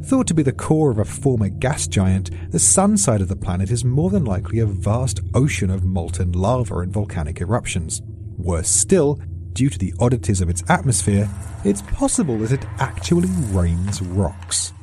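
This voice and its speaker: A man's voice: fairly low pitch, big pitch swings, normal speed, warm tone, a little hiss or hum. A British man reading a scripted science explainer in a dry, precise, lightly witty way. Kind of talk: scripted narration.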